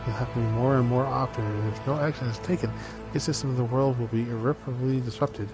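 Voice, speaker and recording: A man's voice: mid-range voice, fairly even intonation, fast talker. A man playing a video game, reading its dialogue aloud and often stumbling over the words between casual comments. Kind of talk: let's play commentary. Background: game music.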